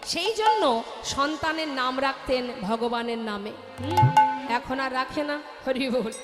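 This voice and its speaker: A woman telling a devotional story in a kirtan sermon, in a lively way, chanting refrains and speaking to her listeners as mothers. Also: high voice, slow pace. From Bengal. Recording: echoey hall with music.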